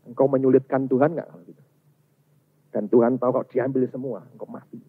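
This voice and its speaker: A man preaching a sermon as a pastor, emphatic and swinging from loud to soft. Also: mid-range voice, fairly even intonation, quick pace, breathy edge. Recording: tinny, phone-like sound.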